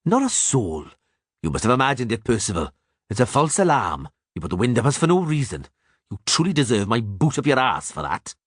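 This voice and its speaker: A man voicing a gruff, bold male dwarf warrior in a fan audiobook, talking in a blunt, blustering way with folksy words. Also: mid-range voice, sing-song, brisk, no room sound, studio quality. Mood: scolding.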